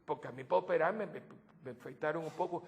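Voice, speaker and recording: A priest giving a sermon to his congregation, animated, with joking asides and swings between loud outbursts and soft low remarks. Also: fast, vocal fry.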